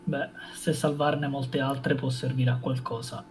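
A man playing a tabletop role-playing game, speaking casually and deliberately in character. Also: medium pitch, flat delivery. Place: indoor room, online group stream.

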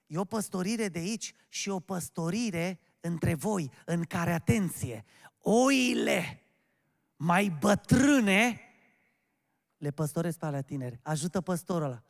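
A man's voice: fairly high pitch, vocal fry, hardly any pauses, a little mellow. A man preaching a sermon to his congregation as their pastor, emphatic and often calling out questions to them. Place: church hall. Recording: long church-hall reverb.

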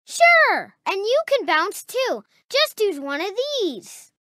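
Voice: very high-pitched, sing-song, takes it slowly, sharp tone, no echo, clean studio sound, full character voice. A young-sounding performer voicing a sweet, playful little kangaroo child in a video game, eager and full of exclamations. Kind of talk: video game character voice clips.

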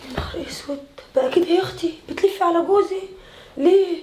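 An actress playing a suspicious wife who spies on her husband, speaking with an Egyptian accent in sharp, indignant bursts. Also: extremely high pitch, rapid-fire, slight background noise. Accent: Egyptian Arabic.

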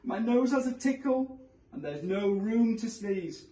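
A man doing a shrill fretful old lady. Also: animated, unhurried, mellow. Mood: pleading. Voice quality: shrill, wailing. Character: fretful little old woman, shrill and pleading. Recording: roomy, from a distance.

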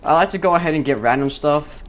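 A man's voice: on the high side, fast, slight background noise. A man, a gaming YouTuber, talking casually over gameplay in a rambling, profane way with lots of fillers.

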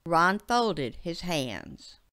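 A woman narrating a literary short story in a measured, expressive way. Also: fairly low pitch, clean tone. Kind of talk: audiobook narration.

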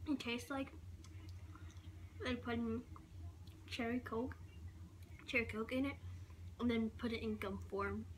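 A woman's voice: on the high side, a little slow, long pauses, a little hiss or hum. A woman vlogger in casual chatty talk, repeating herself while chewing gum as she speaks. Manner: chatty, repetitive. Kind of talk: casual vlog tasting.

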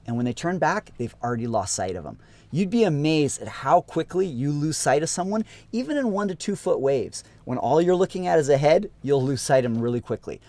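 A man's voice: on the high side, sing-song, a little fast, dark tone, dry recording. Male sailing teacher in his 30s, upbeat and plain-spoken, recorded on deck. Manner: upbeat, clear and practical. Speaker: sailing instructor. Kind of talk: casual instructional talk. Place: aboard a sailboat outdoors.

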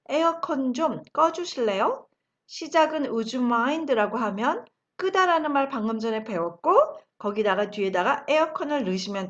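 A woman teaching an online English class for older learners, drawing out each model sentence slowly and praising often. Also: a little high, a bit bright, muffled recording. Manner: slow, drawn-out model sentences, encouraging praise. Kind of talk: online English lesson for seniors.

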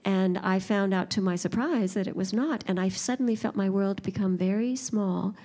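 A woman voices signed remarks as a live interpreter on a panel. Her voice is mellow and soft-edged, at an average pitch. She speaks in the first person, as interpreters do. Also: normal speed. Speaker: interpreter voicing for signing panelists. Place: auditorium during a live panel.

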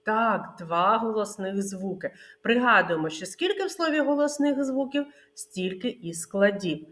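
A woman's voice: mid-range voice, expressive, unhurried, fairly bright tone. A woman kindergarten teacher giving a literacy lesson, asking the children questions, praising them and singing out syllables.

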